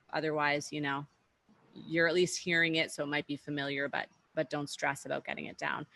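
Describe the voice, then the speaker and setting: Low-voiced woman teaching online. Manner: explanatory, relaxed, with frequent fillers and restarts. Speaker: workshop teacher. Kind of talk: online workshop lecture. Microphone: video call.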